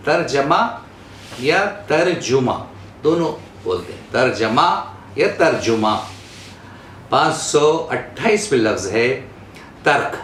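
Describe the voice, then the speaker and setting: A man's voice: mid-range voice, a bit bright, slight background noise. A man teaching Urdu pronunciation, carefully saying each word, repeating it and explaining its meaning. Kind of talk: slow word-by-word pronunciation lesson. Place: studio. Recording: roomy echo, faint ambience.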